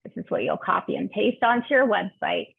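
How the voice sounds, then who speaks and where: A woman walks a webinar audience through a software demo, halting now and then with fillers. Her voice has a gravelly, husky edge. It comes through a tinny, phone-like line that is garbled and breaking up. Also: medium pitch, expressive, no room sound. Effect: garbled, breaking-up call audio. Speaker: software presenter.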